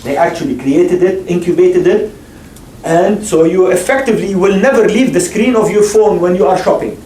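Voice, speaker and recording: High-pitched and dark in tone, this man talks at normal speed into a distant mic. He's part of an investing panel and audience Q&A in a lecture hall, speaking emphatically, repeating himself, and restarting sentences often. The audio is echoey, recorded from afar, with faint noise.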